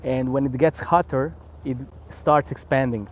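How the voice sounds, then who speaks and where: A man's voice: medium pitch, slight background noise. Croatian man chatting casually outdoors. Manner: relaxed, unhurried, repeats words while thinking. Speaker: cigar channel host. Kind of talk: casual live-stream chat. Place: outdoors on a vacation island by the sea.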